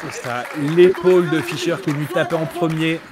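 A man giving live wrestling commentary as the analyst, in measured, well-formed remarks. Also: a little high. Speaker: colour commentator. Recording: loud crowd noise throughout. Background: noisy live wrestling crowd.

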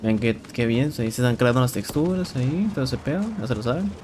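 A young man with a Mexican accent giving casual, excitable commentary while playing a shooter game, swearing and repeating words. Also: medium pitch, quick pace. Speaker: gameplay streamer. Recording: game sounds and noise in background.

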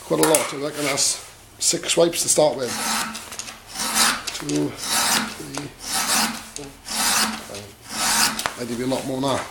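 A tutorial presenter at a bench vice in his workshop gives a casual hands-on demo, tossing out short, informal asides as he works. His voice is medium-pitched and fast, with barely any pauses. The recording is clear, with metal filing rasps and clicks in the background.

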